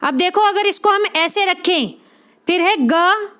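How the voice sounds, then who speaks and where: A woman with a strikingly high voice delivers an exam-prep lecture. She goes step by step, repeats key points and keeps checking that listeners follow. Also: slow pace, fairly bright tone. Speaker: teacher.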